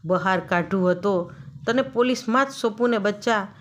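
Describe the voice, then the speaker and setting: A woman voicing a hoarse, greedy man who bullies and threatens a trapped boy. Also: mid-range voice, moderate pace, close to an everyday voice. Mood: gruff. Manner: gruff and bullying. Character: hoarse greedy male railway swindler, threatening.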